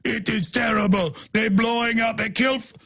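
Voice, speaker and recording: A man's voice: sits high, fairly even intonation, moderate pace, creaky, fairly bright tone, slightly rough, voice pushed up, heavily acted. A man voicing a mocking caricature of a pleading male foreign activist, begging in broken English with a put-on Arabic accent.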